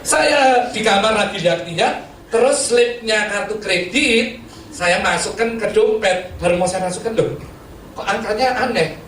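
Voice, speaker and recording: A man's voice: high-pitched, moderate pace. A male pastor preaching a sermon, telling a funny story with laughter and acted-out voices. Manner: animated, laughing, acts out voices. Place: church hall. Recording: echoey hall, mic at a distance, faint noise.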